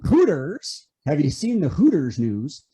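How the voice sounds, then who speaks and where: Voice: mid-range voice, huge pitch swings, a little slow, dark tone. A comedian delivering a topical monologue of punchy late-night jokes, setting up news items and landing punchlines.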